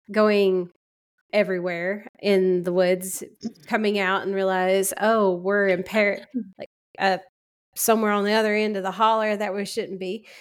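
A woman from Eastern Kentucky with an Appalachian accent, reminiscing casually in a halting, hesitant way. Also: medium pitch, clear, resonant tone. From Eastern Kentucky, United States.

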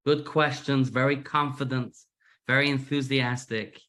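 His voice is medium-pitched and sharp, steady in tone and a little slow. He is a musician from England guesting in a casual interview, speaking in a Manchester accent with some American creeping in, self-deprecating and repeating words frequently.

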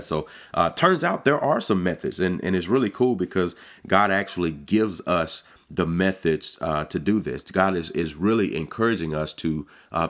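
Middle-aged male pastor with a deep, low-pitched voice; relaxed, conversational podcast delivery with frequent restarts. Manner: conversational, repeats words when starting sentences. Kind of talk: casual devotional podcast talk.

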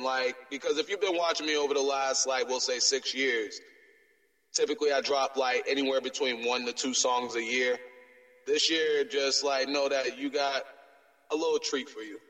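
A man's voice: mid-range voice, a bit bright. Casting: male interview guest, mid-range voice, colloquial and laid-back, reverberant recording. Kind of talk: casual chat.

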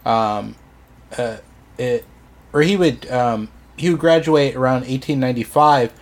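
Hesitant man narrating history. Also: mid-range voice. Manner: frequent ums, halting restarts. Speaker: podcast host presenting history. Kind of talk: casual history podcast chat.

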